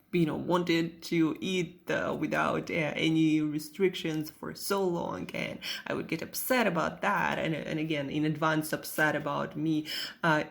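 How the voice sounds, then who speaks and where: A woman with a Russian accent giving a casual motivational talk to viewers, haltingly, repeating phrases for emphasis. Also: low voice, creaky. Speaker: host, self-help coach.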